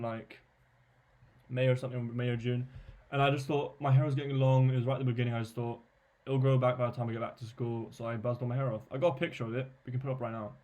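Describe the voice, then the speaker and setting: A teenage boy co-hosting a casual chat, relaxed and hedging with many fillers. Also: medium pitch. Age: late teens. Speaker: co-host.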